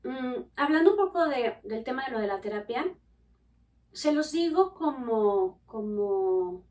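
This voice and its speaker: A woman's voice: fairly high pitch, measured pace, distant mic. A woman, a podcast host and family coach telling personal stories to her listeners, acting out the voices she quotes. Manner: expressive, acts out quoted voices.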